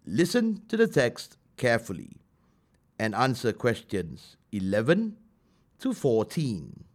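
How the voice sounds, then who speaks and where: A man reading formal listening test instructions and questions in a measured way. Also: medium pitch, huge pitch swings. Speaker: exam instructions reader.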